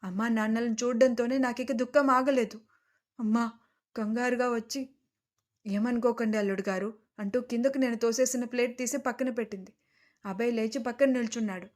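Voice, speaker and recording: A woman's voice: on the high side, fairly even intonation, brisk. A woman narrating a first-person audio story with emotion, turning to speak directly to her listeners.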